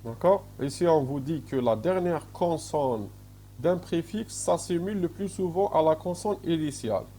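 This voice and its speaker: A man's voice: a little high, warm tone, slight background noise. A man with an Algerian French accent giving a recorded university lecture, hesitating often and checking in with his students. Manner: slow, checks in often with "d'accord?", many hesitations.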